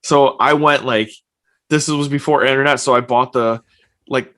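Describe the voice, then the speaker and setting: A young man talks as a podcast guest, easygoing and full of verbal fillers. His voice is mid-pitched and even, and he tells his stories at a loose, unhurried pace. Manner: relaxed, chatty, uses lots of fillers like "like". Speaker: podcast guest, streamer and personal trainer. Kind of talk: casual interview chat. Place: home, evening.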